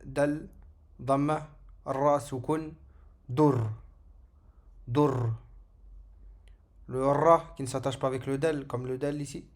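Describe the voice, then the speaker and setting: Slow, patient man teaching letters. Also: mid-range voice, little pitch movement. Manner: patient, repeats sounds and phrases for learners. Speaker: Arabic teacher. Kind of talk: slow step-by-step alphabet lesson.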